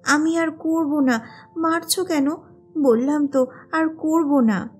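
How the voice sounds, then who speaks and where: A woman storyteller voicing a simple, childlike grown young woman who speaks slowly in a plaintive, raised voice. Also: sits high, soft background music, pitched above the performer's own voice. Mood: pleading.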